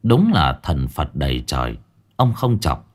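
A man's voice: a bass voice, sing-song, unhurried. A man narrating a ghost story dramatically. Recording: faint background music.

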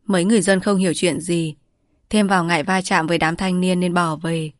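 A woman host reading a novel aloud in measured, polite scripted narration. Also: on the low side, steady tone, no echo, studio quality. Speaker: audiobook narrator.

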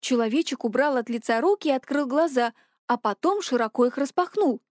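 A woman narrating a story in an even storytelling read. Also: high-pitched, brisk, dry recording, clean studio sound. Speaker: audiobook narrator. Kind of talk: scripted narration.

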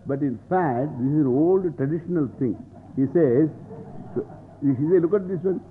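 Over what sounds like a phone line with a little hiss or hum, a South Indian swami lectures on scripture in a voice on the high side at normal speed. He explains Sanskrit quotations word by word in English, repeats phrases frequently and makes his case with rhetorical questions.

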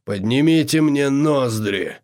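A man voicing a strange, grumpy, big-nosed creature that sniffs out witches and drags out every booming word. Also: expressive, slow pace, darkish tone. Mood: pompous.

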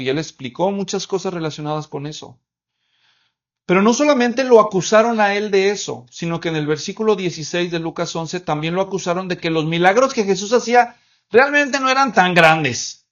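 Man, pastor, expository sermon, fairly high voice, asks the congregation questions, slightly muffled recording. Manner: acts out quoted voices in small scenes.

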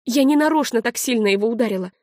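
A woman narrating an audiobook in the first person with a measured, quietly tense delivery. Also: on the high side, no echo, studio quality.

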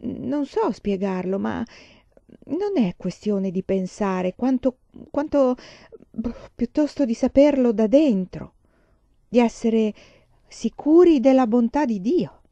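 Brief: calm, reflective blind older sister, voiced by a woman narrator, warm tone, dull audio. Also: a little high, slow, no room sound, pitched above the performer's own voice. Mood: gentle. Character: gentle, pious blind young woman.

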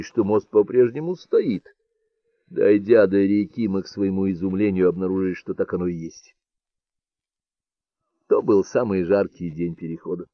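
Male audiobook narrator, calm and measured, lowish voice, dry dull recording. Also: no room sound. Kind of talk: scripted narration.

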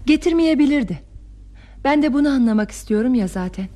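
A young actress playing a calm, playfully confident daughter in a classic radio play. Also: female voice, high-pitched, fairly quick. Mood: calm, teasing. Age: young adult. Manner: calm, teasing, self-assured. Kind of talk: 1960s Turkish radio theatre acting.

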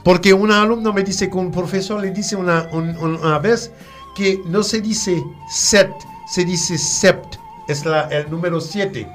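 A man whose first language is French, teaching French pronunciation in a slow, repetitive drill style, over faint music. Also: high voice, fairly bright tone. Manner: slow, repeats letters and words for pronunciation drills. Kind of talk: radio French lesson.

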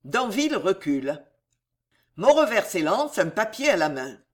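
Narrating a historical novel for an audiobook, the reader tells the story slowly and dramatically, like theater. Pitch is medium, with wide swings up and down.

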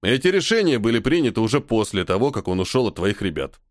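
An irritable, commanding army colonel, as a male audiobook reader puts him on, sarcastic and tired of his subordinate. His pitch swings widely between lines, and the voice sits dry and close with no room around it. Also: big pitch swings, fast, dry recording. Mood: irritated. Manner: sarcastic, commanding, weary sighs. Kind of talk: audiobook character voice.

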